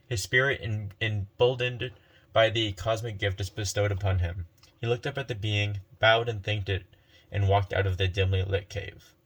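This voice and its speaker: A man narrating a fantasy story as a storyteller, reading unhurriedly and often correcting himself. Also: lowish voice.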